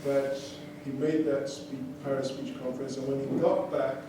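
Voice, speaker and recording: Between songs, a man with a mid-range voice and a flat delivery relates his life story to the concert audience at a normal speed, full of fillers and restarts. The echoey hall recording is distant, picking up background noise and the crowd.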